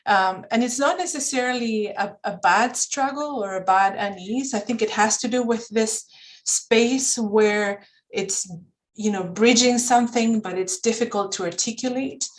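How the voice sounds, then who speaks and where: Her voice sits on the high side and moves unhurriedly as she, a native Spanish speaker, shares reflective thoughts as a counselor on a panel. She frequently hunts for words and begins again, captured in low-quality audio through a video call.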